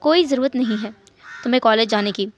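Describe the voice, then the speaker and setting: A woman's voice: a little high, fast, a little hiss or hum, natural voice. A woman voicing a firm, protective young husband who speaks in a matter-of-fact way.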